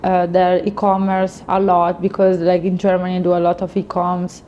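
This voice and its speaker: A woman's voice: fairly low pitch, completely flat delivery, normal speed, lo-fi sound, a little hiss or hum. A woman in her late twenties with an Italian accent, giving casual interview answers in informal non-native English peppered with "you know". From Italy. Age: late 20s. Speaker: interviewee, fashion model.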